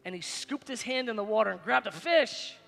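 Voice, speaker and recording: Animated preaching man on stage. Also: a little fast, vocal fry. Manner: animated, preaching with big swings in loudness and pitch. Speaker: pastor. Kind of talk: sermon. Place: large stage in a church hall. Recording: long hall reverb, faint music behind.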